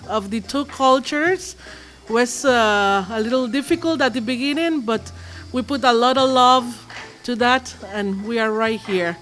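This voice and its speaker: A woman from Guatemala who owns a shop, answering interview questions in a soft, simple way. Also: on the high side, measured pace, faint music behind. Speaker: shop owner.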